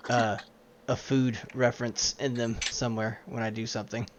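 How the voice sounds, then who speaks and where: A man's voice: mid-range voice, flat delivery, moderate pace. A man rambling casually about his tabletop character, with lots of fillers. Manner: rambling, loose, full of fillers. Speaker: tabletop player. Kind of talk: casual chat. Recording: dull lo-fi mic with faint noise.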